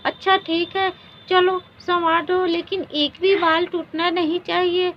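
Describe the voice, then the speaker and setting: A woman's voice: very high voice, little pitch movement, unhurried, a little hiss or hum. A woman voicing a vain, spiteful younger wife who taunts her rival. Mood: mocking. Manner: mocking, taunting. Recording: dull lo-fi recording.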